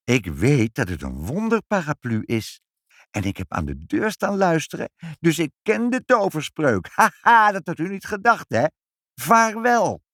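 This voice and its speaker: A man putting on a shrill, gloating greedy man. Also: wildly swooping pitch, a little slow, a bit bright, no room sound, studio quality, full character voice. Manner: gloating and shrill, yelps in pain. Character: greedy boastful grown man, quick to rage.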